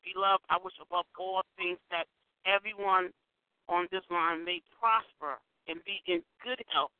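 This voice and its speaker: A man's voice: high-pitched, fairly even intonation, moderate pace, smooth, no room sound. A man leading an emphatic decreeing prayer on a conference call, heard over a crackly phone line that fades in and out. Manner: emphatic, repeats declare and decree. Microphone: phone held away from the mouth. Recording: tinny dry phone line.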